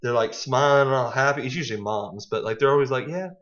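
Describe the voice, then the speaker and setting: A man's voice: medium pitch, fast, a bit bright. Casual young guy rambling and joking on a podcast, kinda muffled lo-fi audio. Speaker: podcast co-host. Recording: dull lo-fi home recording.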